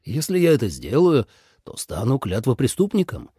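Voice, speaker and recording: A blunt, self-assured god of war, as a male narrator puts him on speaks in a lowered, mellow voice. He asks plain questions without fuss. The audiobook recording is dry. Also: wildly swooping pitch, normal speed, slightly rough, no room sound. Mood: calm.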